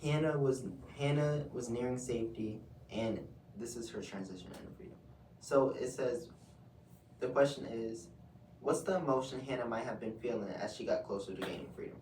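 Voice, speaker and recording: A man's voice: mid-range voice, normal speed, a little mellow. A man leading a casual student book discussion, reading out quotes and asking questions. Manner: reads out quotes, then asks questions. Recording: echoey room, far from the mic, noisy.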